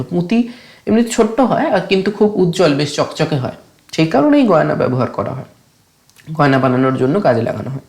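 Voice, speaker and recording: Bengali-accented woman teaching English slowly. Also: low voice, darkish tone. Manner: reads English lines slowly, then explains them in Bengali; often asks "ঠিক আছে?" to check understanding. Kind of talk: explaining an English lesson in Bengali.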